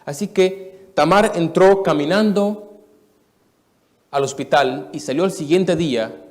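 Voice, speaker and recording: His pitch fairly high and his pace slow, a Dominican man in his thirties preaches his testimony to a live church audience. The storytelling is earnest, alternating between soft passages and emphatic ones.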